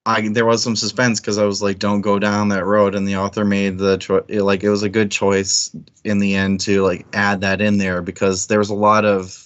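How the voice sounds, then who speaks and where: Completely flat in delivery, a lowish male voice moves at normal speed with a fairly bright tone and the highs cut off. He's chatting informally about books as a co-host on a book club livestream, rambling and thinking out loud.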